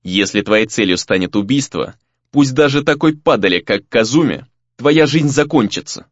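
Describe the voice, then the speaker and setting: A man voicing a calm, steady young male spell-caster hero who speaks in a reassuring way in an audiobook. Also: medium pitch, normal speed, no room sound, lo-fi sound, close to an everyday voice.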